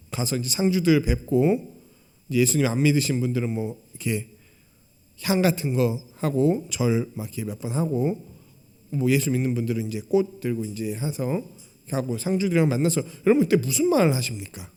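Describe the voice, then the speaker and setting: A male pastor preaching a sermon in a chatty way, often putting questions to the congregation and acting out quoted lines. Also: medium pitch. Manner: conversational, asks the congregation questions; acts out quoted lines, dropping to a hush.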